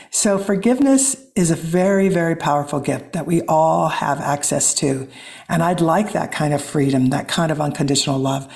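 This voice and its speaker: A woman's voice: low-pitched, gravelly, darkish tone. A woman from Missouri with a Midwestern American accent, a guest and author speaking earnestly and reflectively in a conversational interview. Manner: earnest, flowing, spiritual.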